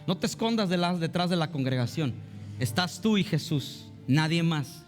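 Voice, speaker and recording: A man's voice: on the high side, animated, moderate pace. A man preaching a fervent, emotive sermon as pastor at a church service. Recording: reverberant hall with soft guitar.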